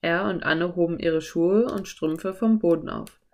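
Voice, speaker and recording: A woman narrating a children's audiobook in a calm, even storytelling voice. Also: lowish voice, unhurried. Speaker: audiobook reader.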